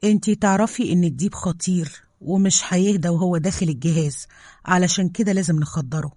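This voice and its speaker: A woman with an Egyptian accent voicing a calm male scientist who dismisses concerns. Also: fairly low pitch, quick pace, no echo, clean studio sound, close to an everyday voice. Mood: dismissive. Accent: Egyptian Arabic.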